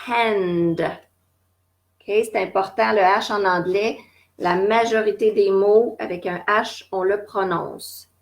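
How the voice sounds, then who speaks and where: A woman's voice: mid-range voice, steady tone, takes it slowly, creaky. A woman with a Québécois French accent teaching a live beginners' English lesson from home, patiently repeating each English word several times for learners to copy. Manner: patient, step-by-step explaining with frequent fillers. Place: at home during lockdown.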